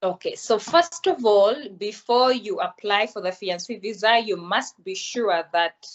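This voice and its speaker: A young woman, calmly explaining her experiences as an interview guest over a video call. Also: mid-range voice, a little slow, highs cut off. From Uganda. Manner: calm, explanatory. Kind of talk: answering interview questions.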